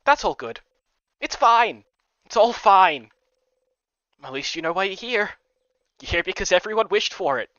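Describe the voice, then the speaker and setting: A man's voice: high-pitched, lively intonation, quick pace, clean tone, no echo, pitched above the performer's own voice. A man doing a manic, falsely cheerful game spirit. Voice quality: loud, forced cheer. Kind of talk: game readthrough voicing. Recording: dull lo-fi recording.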